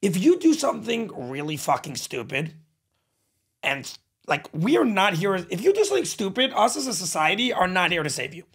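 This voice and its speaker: A man's voice: sits high, wildly swooping pitch, moderate pace, vocal fry, slightly rough. A man co-hosting a casual podcast, giving a blunt opinionated rant with some hesitation fillers. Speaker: podcast co-host.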